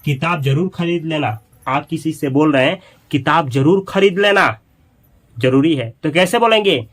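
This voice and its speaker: A male English teacher giving a spoken lesson, explaining patiently and repeating example sentences slowly for learners to copy. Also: fairly high pitch.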